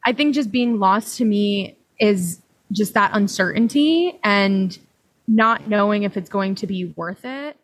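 A woman's voice: medium pitch, expressive, unhurried, rough recording. A young adult woman guesting on a podcast, speaking candidly and reflectively with frequent fillers. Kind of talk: casual conversational interview.

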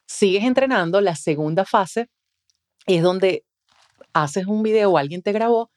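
A woman's voice: medium pitch, measured pace. A Venezuelan woman, a communication mentor, talking expressively on a podcast and acting out what people say. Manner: expressive, acts out quoted voices, frequent "¿ves?". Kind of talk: animated interview talk. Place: podcast studio.

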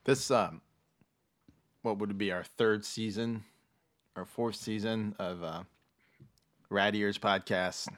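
A man hosting a casual podcast, explaining things in a halting way with frequent backtracking. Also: fairly low pitch, steady tone, a bit bright. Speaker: podcast host.

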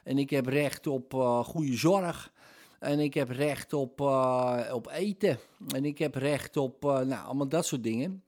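A man's voice: medium pitch, measured pace, darkish tone, lightly acted. A man voicing his own petty ego, a small insistent voice that keeps listing the things it thinks it has a right to. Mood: indignant. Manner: whiny, insistent, repetitive.

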